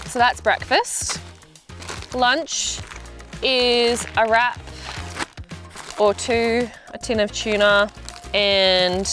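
Relaxed young Australian woman, low voice. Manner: relaxed, chatty, frequent ums. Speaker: hiker presenting gear video. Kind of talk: casual explanation to camera. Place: outdoors in open bushland.

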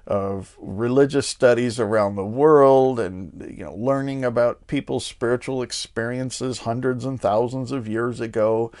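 A man talks through a loose, sardonic monologue, full of fillers and restarts, and now and then he laughs at himself. His voice is mid-pitched and the room is dry and close, with no echo at all. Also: darkish tone. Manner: rambling, candid, sardonic, many fillers. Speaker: podcast host. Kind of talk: casual monologue.

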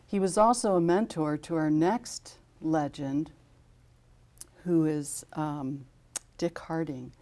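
Speaking slowly in a low, darkish voice, this American woman in her fifties represents an aviation safety foundation. In a TV studio interview she steadily and informatively lists honorees, using fillers often.

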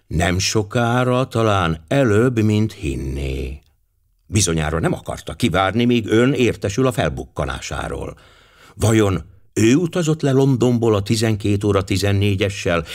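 A man reading a shrewd, fussy older detective. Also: lowish voice. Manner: precise, gently ironic. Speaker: audiobook reader.

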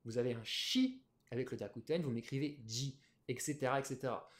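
A man's voice: mid-range voice, a little fast. A man teaching a Japanese lesson on a live stream, explaining patiently with many fillers.

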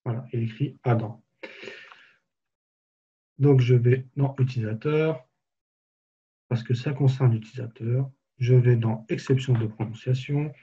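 Male trainer for a tutorial webinar: deep dark tone, slightly raspy, relaxed explainer, muffled lo-fi sound. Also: a little slow, long pauses. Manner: casual, explanatory, walks through steps on screen. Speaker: software trainer. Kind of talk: live software tutorial webinar.

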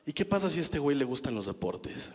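A thirtysomething stand-up comedian with a Mexican accent works a live crowd on a small club stage through a handheld mic, chatty, self-mocking and full of crude slang. His slightly high voice swings wildly in pitch and he talks fast. A long reverb trails every line, and the background is very noisy.

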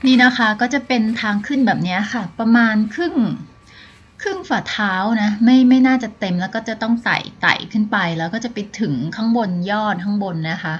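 A woman with a fairly high, brisk voice vlogs her hike on a mountain trail, holding her phone camera at arm's length. She chats politely and casually, narrating like a travel vlogger and using lots of filler sounds. The audio is lo-fi.

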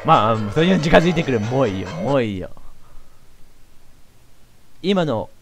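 A male game streamer chats his way through a game, laughing often and dropping into a regional dialect. His pitch jumps around a lot, and game music plays steadily behind him. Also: very animated, normal speed. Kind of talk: let's play commentary.

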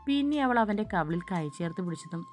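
A woman narrating a romantic audiobook story in a steady, gentle storytelling manner. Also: mid-range voice, quick pace, faint music behind.

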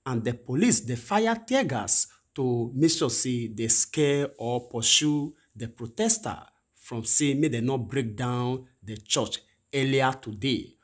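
Male host, Nigerian Pidgin accent, husky, rambling news voice-over. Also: medium pitch, takes it slowly. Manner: rambling, repetitive phrasing. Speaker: channel host.

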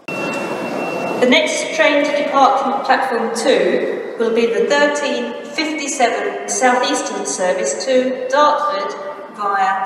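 A woman's recorded train station announcement over a loudspeaker, read in a measured, formal way, heard in a large railway station. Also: a little high. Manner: measured, even, formal delivery. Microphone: station loudspeaker picked up from far off. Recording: echoey station hall, distant, noisy. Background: station ambience.

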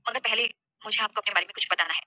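A woman voicing a lonely magical young woman who speaks softly and tearfully. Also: mid-range voice, very fast, slight background noise. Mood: sorrowful.

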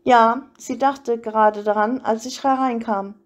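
A calm, tender young male vampire from a storybook audiobook, voiced by a woman reader. He talks gently and slowly, in a slightly high voice. The delivery stays soft and even. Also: close to an everyday voice. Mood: gentle.

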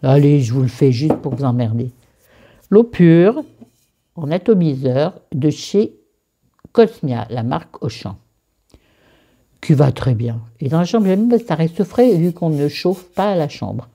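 A woman with a low, mellow voice runs through her skincare routine from her bedroom, her pitch swinging up and down as she talks. She rambles cheerfully, pokes fun at herself and throws in crude asides. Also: lively intonation, unhurried, long pauses, breathy edge. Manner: chatty, rambling, self-mocking, with crude asides. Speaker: beauty vlogger. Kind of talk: casual skincare vlog. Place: bedroom at home.

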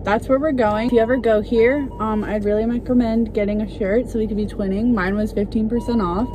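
A woman's voice: on the high side, fairly even intonation, fairly quick. A young woman chatting upbeat to her phone camera on a road trip, in a car and outdoors. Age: young adult. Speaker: vlogger. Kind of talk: casual travel vlog narration. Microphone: phone held at arm's length. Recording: noisy car and street background.

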